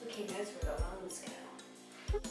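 A woman's voice: on the low side, slow, very echoey, distant mic, loud music behind the voice. A woman chiropractor talking playfully to a toddler patient, coaxing and sing-song.

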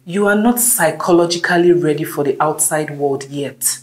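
Actress as a calm, insistent female minder, low-pitched. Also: normal speed, lightly acted, poor audio. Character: firm, watchful female minder.

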